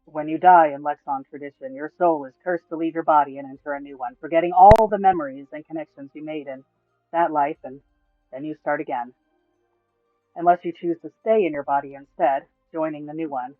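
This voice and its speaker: A man's voice: a little high, a little fast, no echo, faint music behind, close to an everyday voice. A man voicing a proud, bitter undead lion-man warrior with a solemn manner. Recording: tinny, phone-like, dry.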